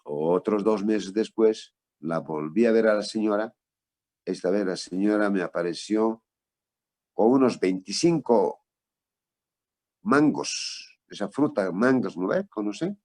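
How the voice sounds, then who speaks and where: A man's voice: lowish voice, slow pace, a little mellow. A man lecturing on traumatology, telling a patient case in a conversational way and asking for the next slide.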